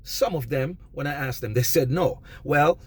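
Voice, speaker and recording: A man giving an emphatic, preachy monologue of advice, often rising almost to a shout. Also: mid-range voice, normal speed, husky, no echo. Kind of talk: passionate monologue.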